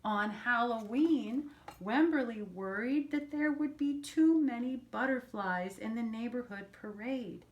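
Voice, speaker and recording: An older woman reading a children's picture book aloud as a storyteller, pausing to explain things to young listeners. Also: fairly high pitch, muffled recording.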